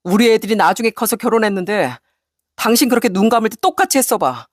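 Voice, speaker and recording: A woman's voice: a little high, no room sound, studio quality. A woman reading a cold, firm husband. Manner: flat, cold, deliberate. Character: cold, resolute middle-aged husband. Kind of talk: storybook radio narration.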